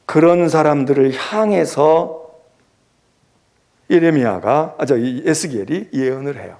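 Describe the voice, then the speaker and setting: Male pastor, gravelly, very animated in his delivery, teaching a sermon. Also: a little high, a little slow. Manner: animated, acts out scolding and comforting voices; asks the congregation rhetorical questions.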